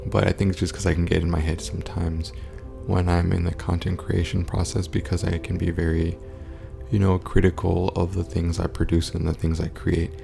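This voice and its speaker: Man, hushed quiet-at-night talking, very gravelly fry, low pitch, monotone, stoic, casual vlog. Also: fairly quick, music in the background. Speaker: content creator. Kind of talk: casual vlog update to viewers.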